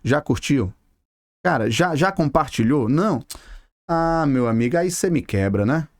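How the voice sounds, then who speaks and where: A Brazilian-accented man teaches a physics review lesson at a board. His voice sits fairly high and the sound is dry and close. He keeps it chatty, tossing casual slang straight at the viewer. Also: animated, measured pace, dry recording. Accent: Brazilian Portuguese. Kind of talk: video lesson. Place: classroom with a board.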